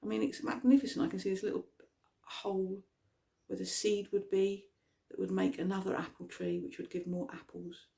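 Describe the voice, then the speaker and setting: Mindful eating guide at home, soft questions, warm low voice with some fry. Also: little pitch movement. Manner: gentle questioning, slow prompts; talks while chewing at times. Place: at home with a cat nearby.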